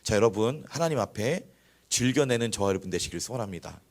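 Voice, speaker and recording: Animated male pastor preaching. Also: fairly low pitch, fast. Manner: animated, conversational, acts out examples. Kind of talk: sermon. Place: church.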